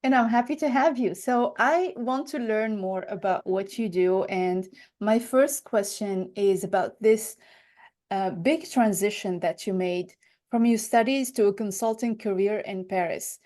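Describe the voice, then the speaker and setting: A woman hosts a podcast in an even, mid-pitched voice. She reads a polished introduction and then puts her questions to the guest, restarting a phrase now and then. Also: a little slow. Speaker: podcast host. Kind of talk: scripted introduction and interview questions.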